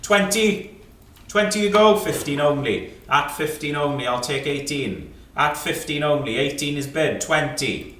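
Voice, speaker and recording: A fairly high-pitched British man runs an antiques auction in an indoor sale room, calling lots and rising bids in clipped numbers with repeated prompts to the room. He is expressive and unhurried yet barely pauses, his tone bright and forceful. The recording is echoey, with a distant microphone.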